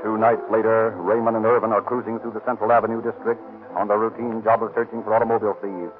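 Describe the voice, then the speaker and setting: A male announcer narrating a 1930s police drama, urgent and dramatic. He moves quickly through the lines over clear background music. The sound is a thin, tinny old radio broadcast. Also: fairly low pitch, level tone.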